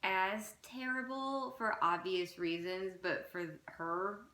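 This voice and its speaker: A woman in her late twenties chatting casually with brief, relaxed remarks. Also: medium pitch, slow pace. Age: 20s. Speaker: vlogger. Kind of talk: casual home vlog chat. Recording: echoey room.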